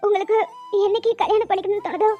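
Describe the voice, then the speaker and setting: A woman's voice: extremely high pitch, very fast, dark tone. A woman voicing a remorseful, jealous young woman who talks in an earnest, pleading way. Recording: dull lo-fi audio with music.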